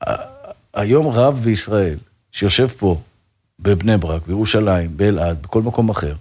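A rabbi talking in an interview, earnest and fervent, with frequent religious phrases and restarts. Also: male voice, fairly low pitch, a little mellow, husky. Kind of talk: casual interview talk.

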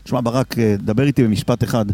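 A man's voice: mid-range voice, fairly even intonation, dark tone, dry recording. A man hosting a live radio broadcast from a car, chatty and teasing as he prods his guest. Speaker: radio host reporting live. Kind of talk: casual live street broadcast. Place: in a car driving through city streets.

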